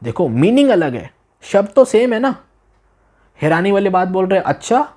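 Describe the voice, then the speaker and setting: A man teaching a beginner language demo class, repeating phrases slowly, asking the listener questions and exaggerating his tone to show meaning. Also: high-pitched, very animated, warm tone. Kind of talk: demo class lesson taught in Hindi.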